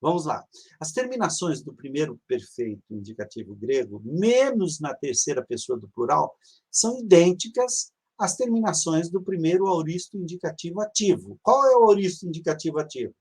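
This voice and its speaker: A man's voice: a little high, very animated, normal speed, a little mellow, breathy edge. A man, a reverend teaching an online class, who explains patiently and drills word endings aloud. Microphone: video call.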